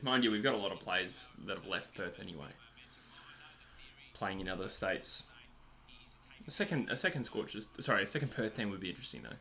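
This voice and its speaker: Chatty Australian man, bright voice. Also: on the low side. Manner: chatty, rambling, self-deprecating. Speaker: livestream host reading chat. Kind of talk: casual live chat over a cricket match.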